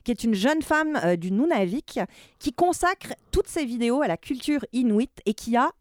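A woman's voice: on the high side, lively intonation, moderate pace, no room sound, clean studio sound. A woman, chatting as a culture columnist on a radio show, emphatic and laughing often. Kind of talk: casual radio chat.

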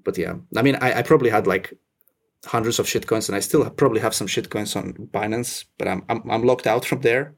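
Young male guest, low gravelly voice, easygoing and self-mocking. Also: fairly quick. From Russia, raised in Finland. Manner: relaxed, self-deprecating, many restarts. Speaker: podcast guest. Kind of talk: casual interview chat.

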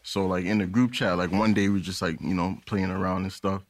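Young male guest, low husky voice, dry close sound, easygoing slang. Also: little pitch movement, brisk, no room sound. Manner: laid-back slangy storytelling. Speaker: podcast guest. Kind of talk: casual chat.

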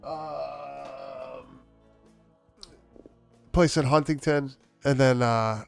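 A man's voice: medium pitch, steady tone, very slow, gravelly, no echo, soft background music. A man with a nasal voice stuffed up by a cold, hosting a casual, slangy movie podcast. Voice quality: nasal, congested. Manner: informal, slangy, sweary. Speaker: podcast host.

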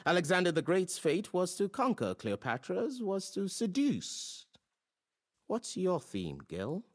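In an audio drama, an actor plays a forceful philosophy professor who lectures bluntly, emphatically and theatrically, pushing his points hard. His mid-range voice is very animated, though his pace stays measured.

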